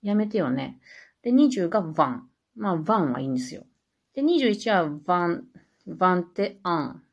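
A woman, hosting a casual solo talk show in a chatty way, laughing at herself and adding lively asides. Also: fairly low pitch, moderate pace, gravelly, slightly rough, muffled recording. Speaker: podcast host.

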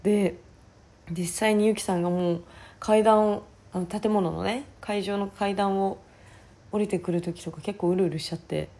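A woman with a hoarse, raspy voice talking casually on her own as a podcast host. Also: medium pitch, fairly even intonation, moderate pace, mellow. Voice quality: husky, raspy. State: hoarse voice, worn out from the day before. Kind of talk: casual solo chat.

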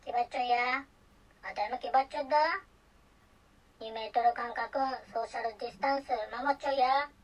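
A man's voice: extremely high pitch, steady tone, a little fast, pauses often, rough recording. A man voicing a chatty male cat character in heavy Kagoshima dialect, run through a machine voice changer that makes him sound blunt and a bit goofy. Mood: cheery. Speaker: video creator.

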